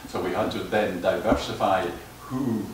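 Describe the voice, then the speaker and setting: A man's voice: low-pitched, normal speed. A man giving a lecture on footpath management and answering questions, often stumbling and repeating words. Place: lecture hall. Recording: echoey hall, distant mic, noise.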